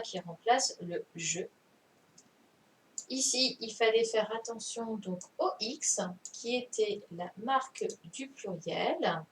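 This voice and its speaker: Over a video call, a patient woman who teaches primary school goes through dictation corrections slowly, repeating points and making sure pupils understand. Her medium-pitched voice comes through a computer mic that's somewhat distant, with a little background noise.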